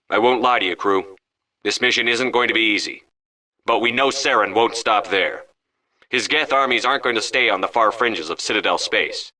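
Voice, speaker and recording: An actor voicing a resolute, stern starship commander in a video game, with a firm, controlled, commanding delivery. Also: male voice, lowish voice, pushed and bright.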